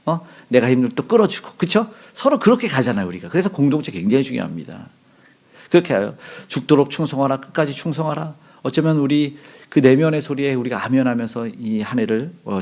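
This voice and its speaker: Lively, chatty male pastor preaching. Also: medium pitch. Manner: conversational, asks the congregation questions; acts out quoted lines with sudden loud bursts. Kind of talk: sermon.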